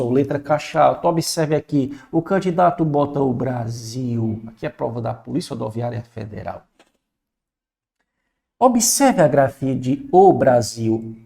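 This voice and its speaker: A Brazilian man leads a recorded exam-prep lesson, his voice rising and falling in wide, lively swings. He sounds casual and animated as he keeps drawing attention to examples in front of him. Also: on the high side, creaky. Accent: Brazilian Portuguese. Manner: animated, conversational, points at examples on screen.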